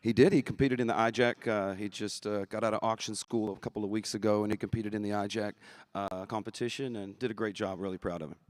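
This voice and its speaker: A man's voice: lowish voice, steady tone, fast talker, no room sound. Middle-aged male interview guest, clean resonant voice, dry close sound, conversational. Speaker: interview guest, auctioneering teacher.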